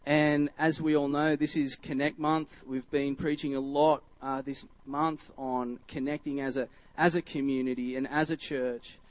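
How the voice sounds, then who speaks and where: A man with an Australian accent giving a relaxed, story-driven sermon to his church, rambling and chatty with many fillers and restarts. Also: medium pitch, normal speed, hardly any pauses, no room sound. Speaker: church speaker.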